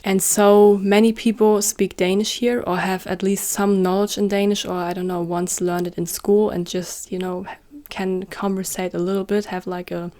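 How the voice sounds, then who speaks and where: With a medium pitch and a somewhat dark tone, a young woman from northern Germany, German by first language, vlogs casually to camera. As a YouTuber, she keeps things chatty and self-mocking, dropping plenty of "like"s.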